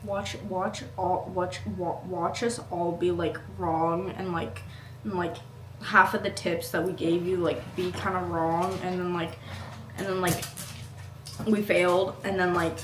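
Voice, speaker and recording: A woman's voice: fairly low pitch, flat delivery, unhurried, reverberant. A young woman hosting a travel vlog, chatting casually and rambling with lots of fillers between takes. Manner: giggly, rambling with many fillers. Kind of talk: casual vlog chat with bloopers.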